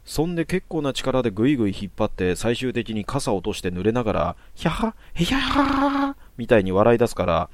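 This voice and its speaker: Male storyteller, calm and matter-of-fact, low voice, dry close recording. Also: quick pace, hardly any pauses, dry recording. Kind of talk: narrated horror story.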